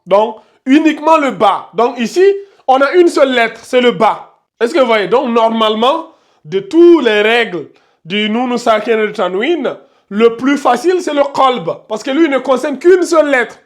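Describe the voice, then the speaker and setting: A man teaching a class at a board, repeating each point, checking that students follow, and slowing down to spell out pronunciations. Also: very high-pitched, lively intonation. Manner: slows down to spell out Arabic pronunciations. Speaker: tajwid teacher.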